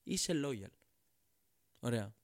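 Exasperated male comic ranting sarcastically, swearing freely; mid-pitched voice, dry close sound. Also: very animated, vocal fry, no room sound. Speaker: comedian ranting to camera. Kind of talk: comedic rant.

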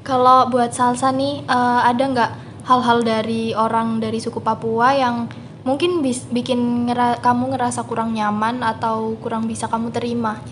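A woman's voice: fairly high pitch, flat delivery, normal speed, slight background noise. A young woman hosting an interview, giving brief prompts and casual questions.

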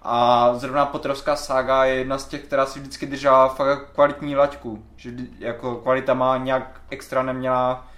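Czech guy rambling on a film podcast, mid pitch, roomy echo. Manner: rambling, animated when worked up. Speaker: podcast co-host. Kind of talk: casual film chat.

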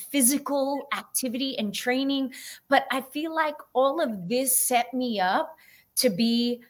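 A woman from San Francisco, a podcast guest who tells her life story in a lively way and acts out the voices of the people in it. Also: a little high. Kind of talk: storytelling interview answer.

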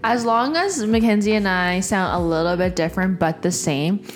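A woman's voice: fairly low pitch, moderate pace. A woman chatting casually and informally as a podcast co-host, with an upbeat manner. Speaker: podcast co-host, outreach worker and teacher. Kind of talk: casual chat.

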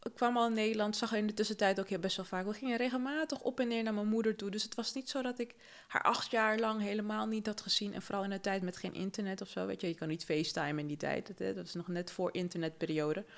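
Lively young woman from Suriname telling stories. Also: medium pitch, fast talker, few pauses. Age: young adult. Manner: lively storyteller, acts out quoted voices, laughs often. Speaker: podcast co-host. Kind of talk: casual chat.

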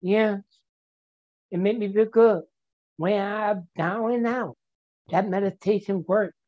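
A man's voice: high-pitched, fairly even intonation, slow, muffled recording. A man sharing at a twelve-step recovery meeting, stuttering and repeating words in simple, earnest phrasing.

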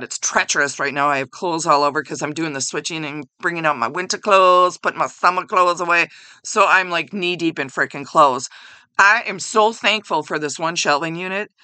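A woman's voice: fairly low pitch, no room sound. Blunt, chatty woman podcast host. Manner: blunt, chatty and animated, with mild swearing. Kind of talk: motivational self-help podcast talk.

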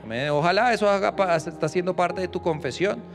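A man preaching a sermon as pastor, rising to loud emphatic declarations and dropping to a personal storytelling tone. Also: high voice, fairly quick, over music.

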